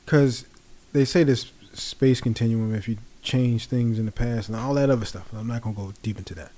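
A man with a mellow, darker tone talks casually as a vlogger. His delivery is loose and rambling, full of fillers and easygoing asides. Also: medium pitch, a little fast. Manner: rambling, relaxed, many fillers. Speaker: pop culture vlogger. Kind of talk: casual commentary.

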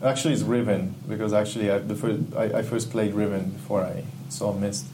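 An Ecuadorian man who works as a game UI/UX artist is a guest in a casual interview chat, talking a little fast at a fairly low pitch. He comes across as enthusiastic and reflective while searching for words. The low-quality recording carries a steady background hum.

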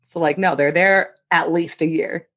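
Young woman cohost, low voice, swears a lot, animated storyteller. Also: normal speed. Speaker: podcast co-host. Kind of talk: casual chat.

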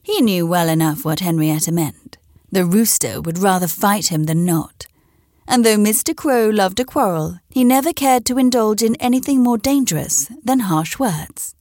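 A woman hosting a story podcast, narrating old tales in an expressive storytelling manner. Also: mid-range voice, moderate pace, no echo, clean studio sound.

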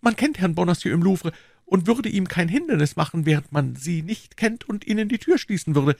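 A man reading an audiobook, voicing a clever, secretive young woman in a high falsetto. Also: animated, creaky, darkish tone, no room sound, studio quality, heavily acted. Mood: earnest. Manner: high falsetto, quick and breathless. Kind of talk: audiobook reading with character voices.

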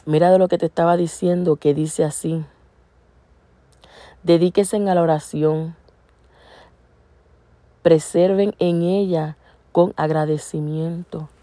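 A woman preaching in an earnest, exhorting way, circling back to repeat her points. Her voice sits fairly low and sounds mellow and warm. The recording is close and dry. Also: steady tone, slow, pauses often, no room sound. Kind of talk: informal sermon on prayer.

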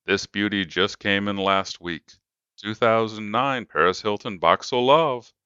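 A man voicing a pushy, smooth-talking male coffin salesman with brash sales patter. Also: fairly low pitch, measured pace, pushed and bright, no echo, muffled recording, voice pushed up. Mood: salesy.

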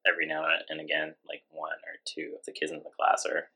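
A man from Hawaii being interviewed, talking in a relaxed, rambling way with lots of fillers. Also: very deep voice, fairly quick, vocal fry, slightly rough, low-quality recording. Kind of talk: casual interview conversation.

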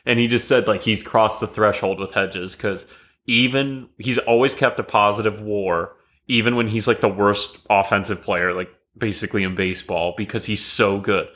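A man's voice: on the low side, fairly even intonation, moderate pace, fairly bright tone. A man co-hosting a podcast in casual sports chat, blunt and emphatic, swearing freely. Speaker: podcast co-host.

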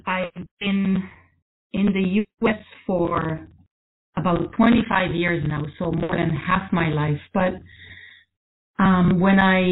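A woman, answering interview questions as an architect in a thoughtful way with many pauses and restarts. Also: medium pitch. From Israel. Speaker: guest architect. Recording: phone-like narrow sound.

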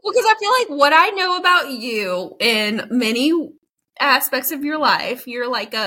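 A woman's voice: high voice, lively intonation, a little slow, bright, forceful tone. A woman in her thirties co-hosting a podcast, chatting casually and animatedly with lots of "like" and frequent giggles. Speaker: podcast co-host. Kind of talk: casual chat.

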